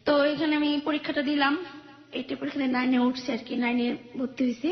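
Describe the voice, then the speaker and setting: A young woman phones in to tell her life story, rushing through it in a high, quick voice. She acts out the arguments in her family as she goes. The sound is roomy and dull, like a lo-fi recording. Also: steady tone. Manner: rapid, earnest retelling that acts out family quarrels. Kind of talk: personal story told on a call-in radio show.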